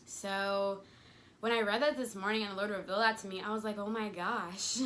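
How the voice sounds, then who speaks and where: Bright-voiced young woman in earnest chat. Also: medium pitch, little pitch movement, fairly quick. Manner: earnest, chatty, acts out quoted voices. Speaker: faith vlogger. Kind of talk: casual devotional talk to camera.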